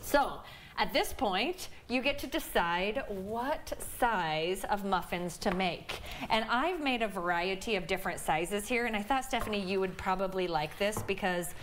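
On a home kitchen TV set, a Midwestern American woman in her thirties, appearing as a dietitian guest, walks through a recipe for a morning TV cooking segment. Chatty and full of fillers, she speaks a little slowly in a medium-pitched, animated, fairly bright voice, with slight background noise.

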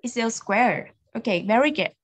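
A young woman with a Vietnamese accent teaches English online. She speaks slowly and patiently in a fairly high voice, with her words mixed between English and Vietnamese. The sound is close and dry. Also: lively intonation, slightly rough, no room sound. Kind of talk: online repeat-after-me language drill.

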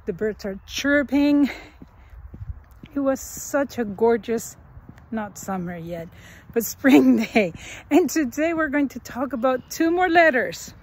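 A woman's voice: on the high side, animated, takes it slowly, a little mellow, husky. A woman teaching a casual language lesson outdoors in a cheerful, chatty way. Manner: cheerful and chatty, laughs while explaining. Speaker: Spanish teacher.

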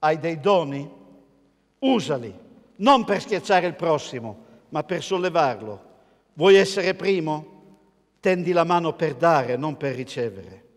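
An older man with an Italian accent preaches from the pulpit in a fairly high voice. His delivery is measured and emphatic, and he poses rhetorical questions to the congregation. His voice carries a long reverb through the large church. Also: animated. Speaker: pastor. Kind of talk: sermon. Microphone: pulpit mic, filmed by a camera across the church.

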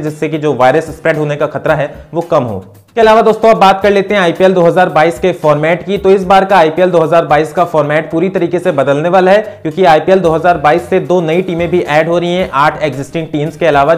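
A young man presenting cricket news to camera in a brisk, steady scripted delivery, recorded on a lapel mic in a small indoor room. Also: on the high side. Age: young adult.

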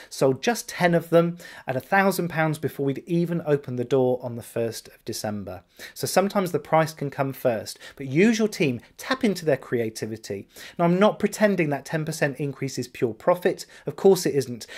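A man in his forties, a salon business coach, talking to camera and walking through pricing figures step by step in an upbeat, explanatory way. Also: fairly high pitch. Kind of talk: direct-to-camera business tutorial. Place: indoor room with decorated wall.

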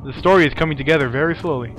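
A man's voice: on the high side, rapid-fire, a bit bright, soft background music. A young man giving casual let's play commentary, rambling and apologetic, yelping when scared.

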